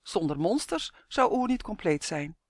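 A woman voicing a female magical creature with a fiery temper, who lectures indignantly in a higher, louder voice. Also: big pitch swings, measured pace, no echo, studio quality. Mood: lecturing.

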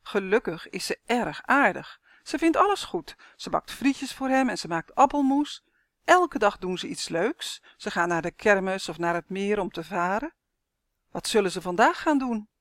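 A woman reading a children's story aloud in a clear, expressive manner. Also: medium pitch, normal speed, no echo, studio quality.

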